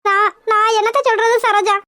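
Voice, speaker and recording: A woman voicing an anxious widowed mother in a cartoon, with a very high squeaky voice and a tearful, pleading manner. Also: little pitch movement, a little fast, bright, forceful tone. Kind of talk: cartoon voice acting.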